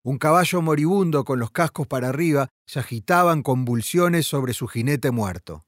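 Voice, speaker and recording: Expressive male audiobook narrator. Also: medium pitch, moderate pace, no room sound, clean studio sound. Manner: dramatic, expressive reading.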